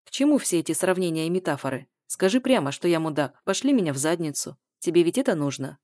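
A woman reading a calm, even-toned man. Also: fairly low pitch, quick pace, no echo, studio quality. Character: calm grown man, the narrator's ex-lover.

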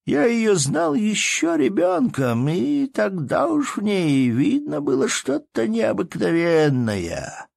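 A man voicing a fussy old count who speaks in a slow, drawling tone, as in a read-aloud story. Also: high voice, huge pitch swings, creaky, darkish tone, no room sound, studio quality, voice pushed up, full character voice. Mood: pompous drawl.

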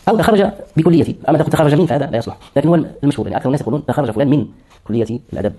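A male lecturer talks through definitions at a rapid clip. His voice is dark and mellow. He keeps asking rhetorical questions and answering them himself. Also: mid-range voice. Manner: explains terms, asks and answers his own questions. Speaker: lecturer in hadith sciences. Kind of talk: classroom lecture.

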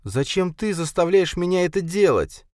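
A man voicing a frightened young woman, pleading in high, tearful cries. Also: expressive, brisk, no room sound, clean studio sound. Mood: desperate.

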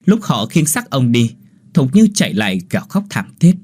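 Husky man narrating a horror story. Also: mid-range voice, sing-song, moderate pace, darkish tone. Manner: dramatic, vivid.

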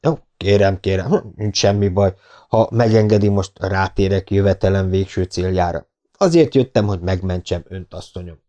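A man's voice: low voice, mellow, muffled recording, natural voice. A man reading an audiobook, voicing a friendly, polite middle-aged burglar with a courteous, chatty manner. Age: 40s. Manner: courteous, chatty, self-deprecating. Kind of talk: audiobook character voice.

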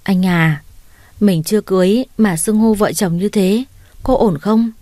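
A woman voicing a soft-spoken, deferential young mother in an audio story, recorded dry and close. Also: medium pitch, unhurried, no echo, natural voice. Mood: gentle. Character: young mother, gentle and modest.

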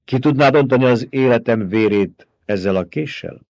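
A man reading the part of a stern, commanding young desert leader with a sharp, forceful way of questioning. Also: medium pitch, no echo, natural voice. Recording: dull, dry recording.

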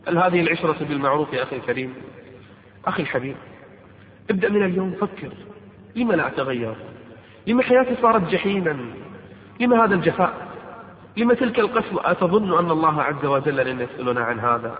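A man's voice: a little high, lively intonation, quick pace, pauses often, a little hiss or hum. A man preaching a sermon, pleading with his listeners in an impassioned way. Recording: echoey hall, tinny narrow sound.

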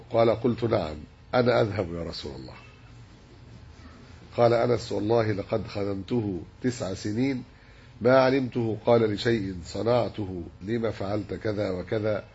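A man teaching a religious lesson, measured and explanatory as he works through a hadith commentary. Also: on the low side, vocal fry, darkish tone. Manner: measured, explanatory, dwells on word forms. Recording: dull lo-fi recording with faint hiss.

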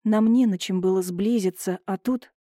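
A woman's voice: steady tone, moderate pace, dark tone, no room sound, studio quality, close to an everyday voice. A woman voicing an emotional young woman who pleads and protests tearfully in an audiobook. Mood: hurt. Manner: shrill, pleading, agitated.

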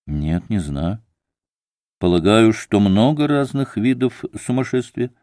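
A man reading an audiobook, voicing a gentle, timid younger brother who speaks softly and pleadingly. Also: fairly low pitch, very animated, slow, no room sound, studio quality. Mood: earnest. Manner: soft and pleading.

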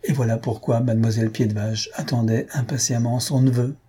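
Man reading an old comic novel out loud, really husky, dark mellow tone. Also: medium pitch, steady tone. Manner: measured storytelling. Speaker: audiobook narrator. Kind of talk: scripted narration of a comic novel.

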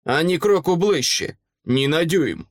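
A man's voice: on the high side, lively intonation, a little slow, a little mellow. A man voicing a cruel, gloating monster that gives menacing commands.

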